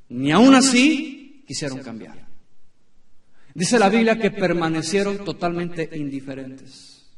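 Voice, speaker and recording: A man in his thirties preaching a sermon in a church, emphatic, with dramatic pauses and repeated phrases. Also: high voice. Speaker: pastor. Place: church sanctuary. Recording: echoey room from a distance.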